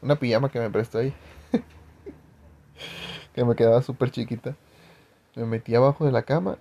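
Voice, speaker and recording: A young man with a Mexican accent tells a personal story in a casual, rambling way, full of slang and swearing. His mid-range voice is creaky, with fairly even intonation and a moderate pace, and the highs are cut off.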